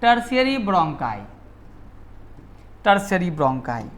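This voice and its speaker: Higher-pitched male teacher lecturing. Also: very animated, a little slow, a bit bright. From India. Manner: repeats terms, asks and answers own questions. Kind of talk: classroom lecture.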